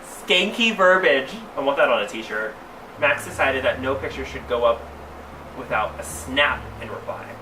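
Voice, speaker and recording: Reading a story for comic effect, a man adopts a sassy drag queen persona, stretching words dramatically and breaking into casual, mock-outraged remarks. His voice is medium-pitched and steady at a moderate pace, picked up by a far-off mic in a roomy, clearly noisy room.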